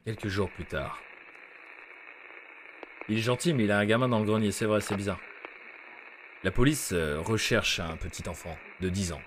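A man's voice: lowish voice, moderate pace, pauses often, a bit bright, slight background noise. A man giving live gameplay commentary as a streamer, chatty, swearing and greeting viewers in chat by name. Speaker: gaming streamer.

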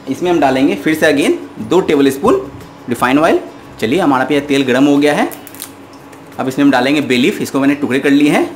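Man, cooking host, step-by-step recipe talk, fairly high voice, faint kitchen sizzle behind. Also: slight background noise. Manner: patient, instructive, addresses viewers directly. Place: home kitchen at the stove.

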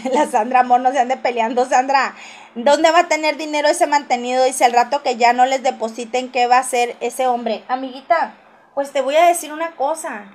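A woman chats through a gossip livestream in a high voice. She reads viewers' comments aloud and answers them with teasing, laughing asides. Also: moderate pace, darkish tone.

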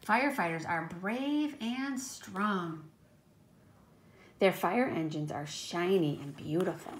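A female teacher reads a picture book aloud to young children, her voice on the low side and her pace slow. She speaks emphatically in a child-directed way, adding questioning, explanatory asides during storytime. There's slight background noise.

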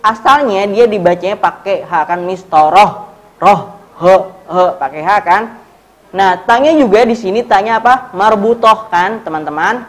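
A man's voice: sits high, normal speed. A young man with an Indonesian accent teaching an Arabic grammar lesson, explaining step by step and quizzing his students.

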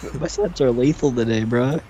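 A man's voice: mid-range voice, normal speed, dark tone, a little hiss or hum. A man joking around as a teammate during a game, in laid-back banter. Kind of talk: casual chat over voice call. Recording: dull lo-fi call audio.

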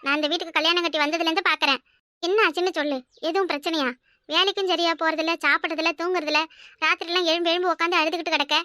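A woman voicing a fierce quarrelsome village wife in a cartoon, with a shrill scolding manner and a Kanyakumari Tamil accent. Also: fairly even intonation, racing, pushed and bright, dry recording, clean studio sound. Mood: coaxing. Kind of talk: cartoon voice acting.

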